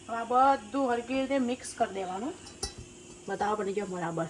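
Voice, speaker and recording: A woman's voice: on the high side, fairly bright tone, slight background noise. A young woman with a Gujarati accent, chatting casually in her family cooking vlog, calling her viewers "guys" and laughing often. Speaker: family vlogger.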